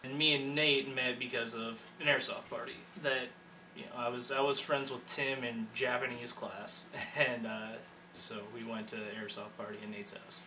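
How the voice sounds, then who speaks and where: A man's voice: mid-range voice, flat delivery, normal speed, recorded from a distance, background noise. A man in his twenties casually introducing himself and his video group, rambling and correcting himself as he goes. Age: 20s. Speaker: channel editor and online manager. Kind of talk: casual self-introduction to camera.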